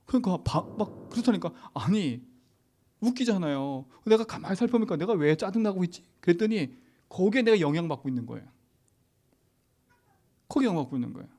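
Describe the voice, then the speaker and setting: A middle-aged man preaching from the pulpit, his voice sitting somewhat high for a man. He talks in a lively, conversational way, pushes his points hard and keeps turning to the congregation with rhetorical questions. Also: a little fast, pauses often. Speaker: pastor. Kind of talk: sermon.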